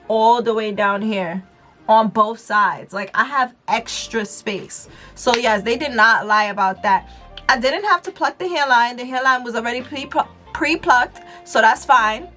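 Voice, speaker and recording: Casting: American female beauty vlogger, slightly high voice, casual slangy review delivery, music underneath. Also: fairly bright tone. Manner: slangy, informal, addressing viewers as y'all. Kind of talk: casual chatty product review.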